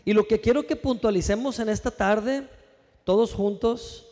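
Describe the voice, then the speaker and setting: A male pastor preaching a sermon in a church, with lively rhetorical questions and calls for the congregation to answer. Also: sits high, moderate pace, big-room sound.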